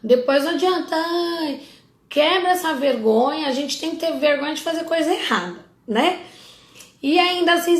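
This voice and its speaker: A woman's voice: sits high, echoey room. A middle-aged woman with a Brazilian Portuguese accent, a family constellation therapist talking casually and directly to her followers, scolding them with informal asides.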